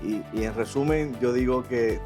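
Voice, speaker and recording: A man's voice: medium pitch, moderate pace, over music. A middle-aged man from Venezuela, a guest in an interview, telling his story reflectively with many fillers.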